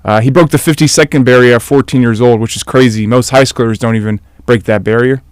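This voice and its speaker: A young man hosting a casual interview podcast, asking relaxed questions full of "uh"s. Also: medium pitch, fast, clean tone, no room sound, studio quality. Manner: relaxed, filler-heavy questions. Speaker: podcast host.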